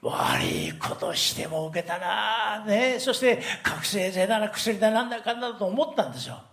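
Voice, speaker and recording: An older man preaching a sermon as a pastor, telling stories in an animated way and often laughing. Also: high voice, normal speed, gravelly.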